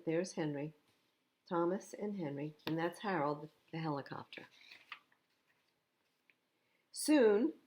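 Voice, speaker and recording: A woman reads a picture book aloud to young children at storytime, expressively, pausing for explanatory asides about the pictures. Her voice sits low and sounds a little mellow.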